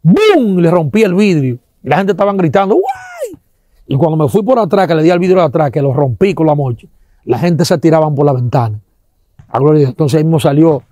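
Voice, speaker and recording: A man with a Dominican accent giving an animated testimony, acting out sounds and quoting people, with religious exclamations. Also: a little high, fast talker, no echo, studio quality.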